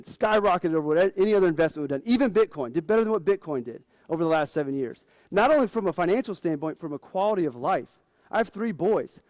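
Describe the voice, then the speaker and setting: A man's voice: high-pitched, darkish tone, dry recording. A man in his forties, a financial advisor, giving a casual, frank conference talk to fellow advisors.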